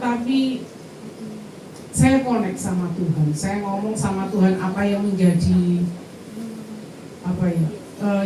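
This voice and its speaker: Speaking directly to the congregation, this middle-aged church member recounts her own testimony in a church hall. She has a warm, medium-pitched voice, picked up from far off in the echoing room with a faint hiss or hum.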